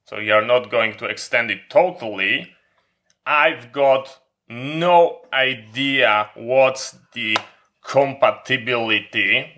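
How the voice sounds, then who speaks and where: A fairly low-pitched male voice, pushed and bright, leads a casual hands-on product demonstration. The hobby vlogger speaks in deliberate, stop-start phrases with pointed pauses.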